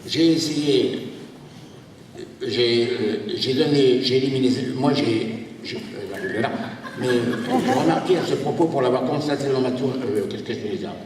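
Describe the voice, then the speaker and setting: A man's voice: mid-range voice, a little slow, background noise. A man giving a humorous ceremonial tribute speech, reading from a paper, sometimes stumbling, restarting and chuckling. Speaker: speaker inducting a new academy member. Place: reception hall at a ceremony. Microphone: handheld camera from the audience. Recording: echoey hall filmed from far off.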